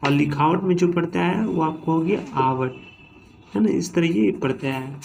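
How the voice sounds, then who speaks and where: A man's voice: fairly high pitch, vocal fry, darkish tone, slight background noise. A man teaching a grammar lesson, breaking words apart syllable by syllable and checking in with his students again and again. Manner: repetitive, frequent "ठीक है" and "है ना" check-ins. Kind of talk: classroom-style lesson.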